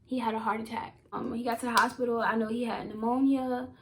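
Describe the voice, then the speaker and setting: A woman in her twenties with a fairly high voice, talking to camera as a vlogger. She tells a personal story in a loose, casual way. Her delivery is heartfelt and emotional. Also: level tone, quick pace, a bit bright, slight background noise.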